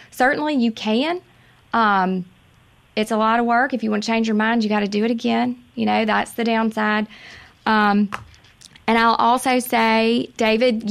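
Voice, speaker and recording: A woman answers listeners' questions as a guest attorney on a call-in radio show. Her voice has a gravelly fry to it. She explains things in a chatty way and often restarts her sentences. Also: mid-range voice.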